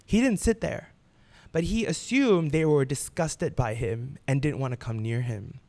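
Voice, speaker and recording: A young man in his late twenties, a podcast guest, tells a personal story candidly, often restarting his sentences. His voice sits a little high with a gravelly edge. The sound is dry and close. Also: unhurried, warm tone, no echo. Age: 20s. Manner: candid, repeats words and restarts when moved.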